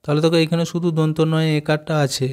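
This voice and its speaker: A man's voice: fairly high pitch, monotone, darkish tone. A man teaching young children a reading lesson, sounding out words syllable by syllable and often checking that they follow. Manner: slow, syllable-by-syllable explaining with frequent check questions.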